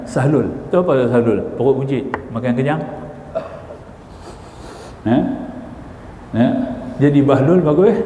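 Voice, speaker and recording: A man's voice: mid-range voice, warm tone. Man, older, northern Malaysian Malay accent, religious lecture, checks in with the audience, faint room hiss. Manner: keeps asking the audience "nampak tak?"; storytelling with quoted dialogue. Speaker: religious teacher. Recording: echoey hall with long reverb.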